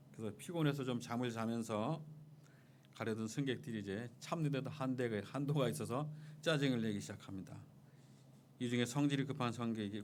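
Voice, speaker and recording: A man's voice: mid-range voice, a little mellow, a little hiss or hum. A male pastor preaching a Sunday sermon in a church, telling stories and speaking directly to the congregation. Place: church sanctuary.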